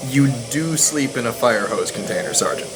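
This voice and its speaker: Rabbi chaplain man acting, courteous, formal, dry wit, mid pitch, noisy hiss, audio drama. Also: animated, moderate pace, close to an everyday voice. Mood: calm, wry. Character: calm, dryly witty male rabbi, an army chaplain. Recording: clear hissing noise behind.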